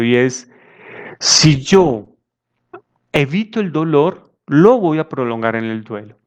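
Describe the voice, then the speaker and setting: Guy giving a grief talk, acts out bits of dialogue, muffled lo-fi sound. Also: mid-range voice. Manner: animated, acts out little dialogues. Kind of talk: conversational talk to an audience. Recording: dull lo-fi audio.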